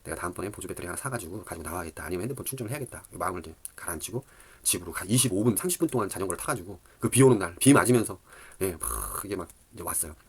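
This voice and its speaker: Rapid, husky man rambling animatedly. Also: sits low. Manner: rambling, animated storytelling with many fillers. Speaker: dating advice lecturer. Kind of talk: casual monologue.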